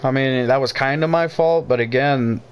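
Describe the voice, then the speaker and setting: A man's voice: medium pitch, smooth, highs cut off. Man muttering gameplay commentary, frustrated. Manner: muttering play-by-play, quick to curse in frustration. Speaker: gaming video creator.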